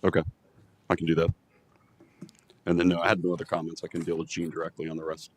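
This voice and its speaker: Very deep, flat-voiced man. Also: fast talker, a little hiss or hum. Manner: relaxed, joking, conversational. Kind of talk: meeting discussion.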